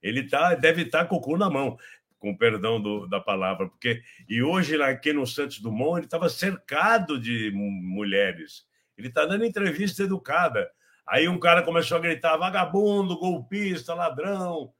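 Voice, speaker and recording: A man's voice: fairly high pitch, normal speed. An older man from Brazil with a Brazilian Portuguese accent, chatting casually on a political show and telling rambling anecdotes with many restarts. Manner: rambling, repeats words and restarts, animated anecdotes. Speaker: guest commentator.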